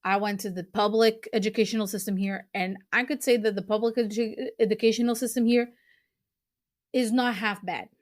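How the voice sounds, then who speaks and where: On her own podcast, a young woman from Portugal talks a little fast in a medium pitch with fairly even intonation, earnestly recommending books. Fillers and restarts crop up, and the studio-quality audio carries no room sound.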